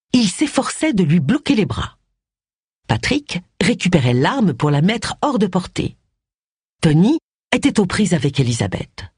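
An audiobook narrator reading a mystery in an expressive, dramatic way. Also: medium pitch, breathy edge, dry recording, clean studio sound. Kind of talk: scripted narration.

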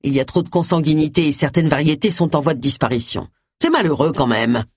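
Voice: mid-range voice, expressive, fast, slightly rough, no echo, clean studio sound. A reader voicing an earnest young male snake specialist, lecturing in an audiobook.

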